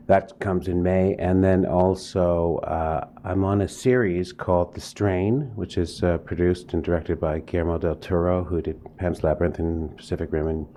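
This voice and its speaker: A man's voice: low-pitched, fairly even intonation, unhurried, dark tone, slight background noise. A man, an actor, chatting in an interview, rambling with many fillers and restarts. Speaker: actor guest. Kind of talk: casual interview chat.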